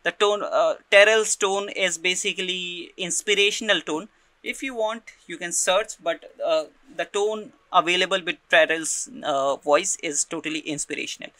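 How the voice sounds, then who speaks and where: A man presenting a software tutorial, explaining step by step and often checking in with a quick "right?" while repeating his words. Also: sits high, no room sound. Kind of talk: screen-recorded software tutorial.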